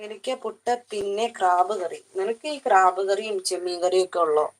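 A woman's voice: medium pitch, brisk, a little hiss or hum, rough recording. A woman hosting a casual live stream from her kitchen, chatting and greeting viewers by name as she reads their comments. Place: home kitchen.

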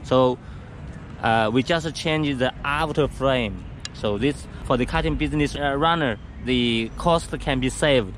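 Recorded on an outdoor camera with background noise, a medium-pitched man, a factory sales rep, gives a product walkthrough of a go kart next to go karts on pavement. He speaks halting English, often using fillers and restarting sentences.

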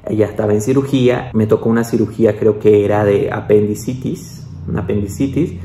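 A man's voice: fairly even intonation, a little fast, warm tone, a little hiss or hum. A young adult man, a doctor, telling a personal story in a casual vlog, chatty, with many little asides. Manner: chatty, peppers speech with "¿no?" and "o sea"; acts out quoted voices, with the pitch jumping up. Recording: roomy echo.

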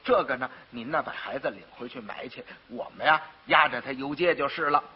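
A man with a Beijing accent voicing a kindly, calm constable who speaks low and quietly, in a dull lo-fi archive recording. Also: normal speed, close to an everyday voice. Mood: gentle. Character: soft-spoken male constable, kindly and calm.

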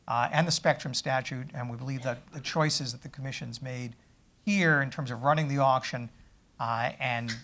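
A middle-aged man, a government official on a conference stage, answering audience questions in a measured, halting way with many fillers. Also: medium pitch, vocal fry, fairly bright tone. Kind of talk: panel Q&A answers.

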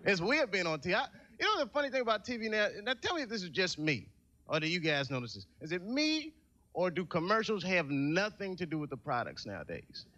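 A man's voice: sits high, sing-song, a little fast, sharp tone, highs cut off. A young man doing a stand-up set in a laid-back, conversational way, asking the crowd questions, on a stage before a studio audience. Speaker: stand-up comedian.

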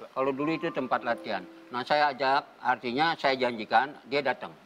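Older man, measured and earnest. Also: medium pitch, a bit bright, a little hiss or hum, low-quality recording. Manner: measured, searching for words, earnest. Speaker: theater group founder and guest. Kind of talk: reflective talk show storytelling.

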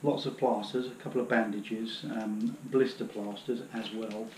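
Casually rambling with plenty of fillers, a British outdoor gear vlogger in his thirties shows his hiking equipment while kneeling in his living room. His voice is fairly low, steady, a little mellow, and at a normal pace. The camera on the floor a few metres away makes for a rough, reverberant recording with a slight hiss or hum.

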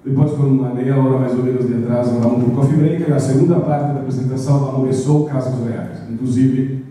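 Fairly quick yet steady, his medium-pitched voice warm, the middle-aged Italian man delivers his business event talk with plenty of hesitation and filler sounds. The setting is a large stage auditorium, and the handheld mic is heard through a far camera, leaving an echoey, distant sound.

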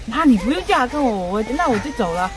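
A young woman acting a frantic young mother in a rural comedy skit, calling out loudly with pleading cries. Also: a little high, sing-song, fast talker, crowd noise. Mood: coaxing. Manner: loud, pleading, exclaiming. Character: frantic young mother who lost her child. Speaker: skit actress. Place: village outdoors. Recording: loud outdoor background noise.

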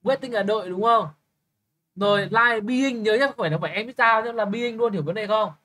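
Brisk, bright-voiced male tutor. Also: high-pitched, slight background noise. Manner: brisk, keeps checking understanding with quick questions; blunt, teasing address to a student. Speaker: English tutor. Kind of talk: live tutoring lesson.

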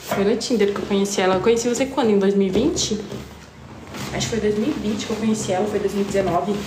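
A young woman, telling a story to her live stream viewers in an animated, slangy way. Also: medium pitch, quick pace, reverberant, background noise. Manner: animated, slangy, addresses chat directly.

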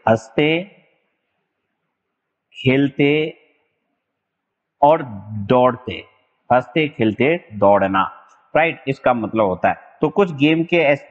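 Guy from rajasthan teaching english words, drags and repeats stuff, sounds tinny like a phone, big echo. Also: mid-range voice. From Rajasthan, India. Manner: explains in a mix of Hindi and English, drawn-out repeated words, spells out letters. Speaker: exam-prep English teacher. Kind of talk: online vocabulary lesson.

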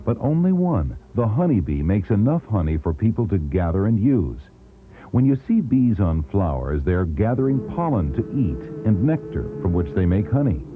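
A man narrating an educational documentary in a clear, teacherly way, heard from a worn VHS tape copy. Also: on the low side, sing-song, moderate pace. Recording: thin, tinny worn VHS tape with music. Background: music score.

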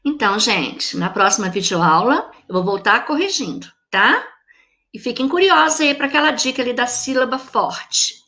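Bright high-voiced Brazilian woman teacher. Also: expressive. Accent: Brazilian Portuguese. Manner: slow, sounding out syllables, affectionate teacherly tone. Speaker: primary school teacher. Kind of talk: recorded video lesson for children.

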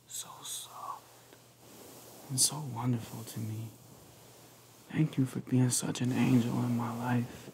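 A young man playing a devoted, clingy lover in an ASMR role-play, giving soft, intimate, affectionate pillow talk up close. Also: slight background noise. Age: young adult. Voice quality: soft, breathy soft-spoken mixed with low murmur. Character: devoted, clingy, tender male lover at bedside. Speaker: ASMR creator. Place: living room couch, indoors.

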